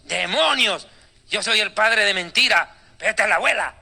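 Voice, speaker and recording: A man's voice: sits high, animated, normal speed, gravelly, sharp tone, heavily acted. A man voicing a scheming, mocking male devil in a theatrical, sneering way during a sermon. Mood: gleeful mockery.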